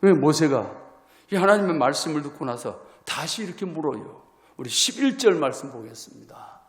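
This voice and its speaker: High, lively male preacher in an echoey hall. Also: normal speed. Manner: dramatic, acting out scripture. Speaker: pastor. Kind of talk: sermon. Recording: echoey hall with long reverb.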